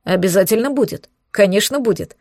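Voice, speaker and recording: A woman's voice: mid-range voice, animated, brisk, darkish tone, dry recording. A woman voicing an anxious male demon who fusses tenderly over his mate, in a dry close recording. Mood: worried. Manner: worried, tender questioning.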